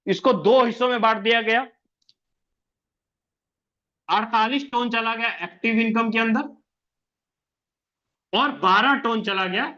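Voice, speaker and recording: A man's voice: very high voice, sharp tone, muffled recording. A man presenting a plan, walking through a diagram step by step, repeating points and asking and answering his own questions. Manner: repetitive, asks and answers own questions, says "sir". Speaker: presenter explaining an income plan. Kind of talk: explanatory walkthrough of a diagram.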